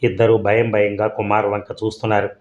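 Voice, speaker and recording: A man reading out a story in a steady, even way. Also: lowish voice, brisk, dull audio. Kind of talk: scripted story narration.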